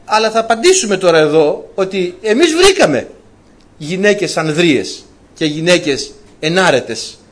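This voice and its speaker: A man's voice: sits high, big pitch swings. A man preaching a sermon, telling stories to his congregation with colloquial asides and calling them dear brothers.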